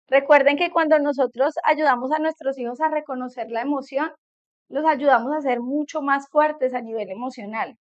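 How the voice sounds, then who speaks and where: A middle-aged woman psychologist giving a conversational talk to a group of parents, often checking in with her listeners. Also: sits high. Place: meeting room with an audience. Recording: dull lo-fi recording.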